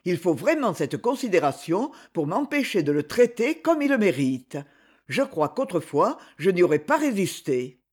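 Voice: mid-range voice, very animated, normal speed, slightly rough. A reader voicing a proud, courteous young lord. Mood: reassuring. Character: proud young nobleman, calm and gallant.

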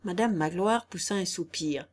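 A woman narrating a literary audiobook in a clear, measured storytelling voice. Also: fairly low pitch, darkish tone. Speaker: audiobook reader.

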